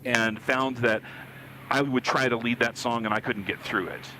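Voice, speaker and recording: Bright-voiced man chatting in a cockpit. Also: mid-range voice, fairly even intonation, moderate pace, a little hiss or hum, rough recording. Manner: warm, self-deprecating storyteller. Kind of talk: casual chat. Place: small airplane cockpit.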